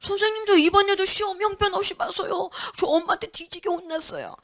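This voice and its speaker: A woman's voice: very high voice, fairly even intonation, a little fast, voice pushed up. A woman doing a sulky young schoolboy. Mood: complaining. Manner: sulky, complaining. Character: discouraged young schoolboy pupil, self-doubting.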